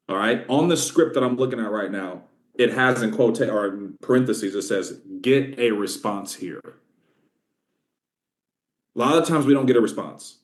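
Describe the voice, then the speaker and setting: A man's voice: fairly low pitch, reverberant. A man leading a casual sales training session, emphatic and coaching, checking in with his listeners often. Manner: coaching, emphatic, talks to trainees directly with frequent check-ins.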